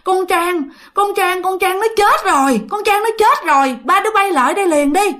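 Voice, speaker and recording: A young woman in tears, urging her friends to come at once, with a Southern Vietnamese accent, voiced by a woman storyteller. Her high voice is strained and insistent. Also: normal speed, a bit bright. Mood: distraught. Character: distraught young woman crying on phone.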